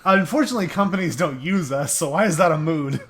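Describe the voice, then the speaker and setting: A man's voice: on the high side, animated, fast. A young man co-hosting a podcast, rambling and self-mocking as he laughs through stories. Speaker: podcast co-host. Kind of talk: casual podcast chat.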